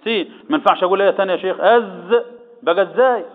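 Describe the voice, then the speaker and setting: High-voiced and talking rapid-fire, an Egyptian-accented man teaches tajweed, throwing questions at his students and answering them himself. The audio has an echoey, tinny sound like a phone.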